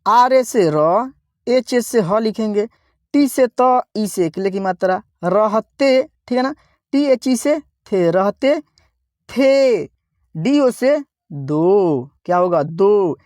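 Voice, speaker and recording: A man teaching an online reading lesson slowly, spelling out each word, repeating it and asking viewers to say it back. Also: sits high, lively intonation, darkish tone, no echo, studio quality.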